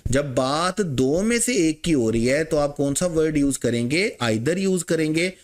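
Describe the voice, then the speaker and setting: A man's voice: fairly high pitch, lively intonation, a little slow. Male tutor, slightly raised voice, quizzes the class then answers himself. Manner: asks the class rhetorical questions and answers them himself; mixes English terms into Urdu. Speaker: teacher. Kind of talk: exam-prep lecture.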